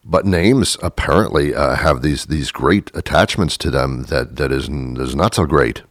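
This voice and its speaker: A man's voice: very deep voice, moderate pace, dry recording, clean studio sound. A man in his thirties hosting a talk show, rambling through a sarcastic, self-mocking monologue that often trails off. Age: 30s.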